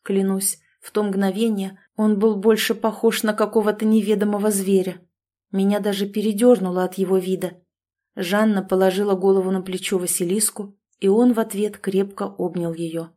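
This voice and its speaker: Woman audiobook narrator, mellow and even, measured storybook reading. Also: medium pitch.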